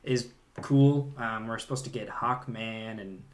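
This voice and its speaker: This podcast co-host is a man who shares his opinions on films in a relaxed, conversational way. His voice sits on the low side and his pace is a little slow.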